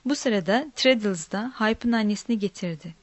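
A woman narrating a storybook aloud in a measured, plain reading. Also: mid-range voice, dry recording.

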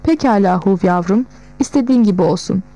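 A reserved father speaks to his son in short, calm sentences, as a woman reader puts him on. Her voice stays mellow and warm throughout. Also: medium pitch, a little fast, close to an everyday voice. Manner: calm, terse. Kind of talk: audiobook reading.

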